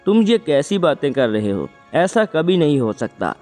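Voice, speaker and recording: A man's voice: fairly high pitch, sing-song, a little mellow. A man reading the lines of a frightened young woman who cries and pleads, in a storybook reading with faint music behind. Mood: angry. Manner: crying, pleading. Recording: long reverb, faint music.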